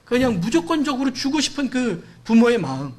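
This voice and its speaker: Preaching a Sunday sermon in a church sanctuary, a male pastor with a noticeably high, slightly mellow voice speaks conversationally, very animated and a little fast. He acts out the voices of people in his story, performing their pleas, cries and dialogue.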